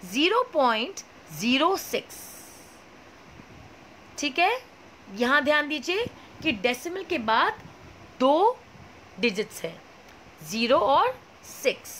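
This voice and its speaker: Woman, maths teacher, high voice, slow clear explaining, faint background noise. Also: very animated, a bit bright, rough recording. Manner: asks questions and answers them herself; slow, clear explaining with many checks like "okay?". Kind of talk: classroom lesson.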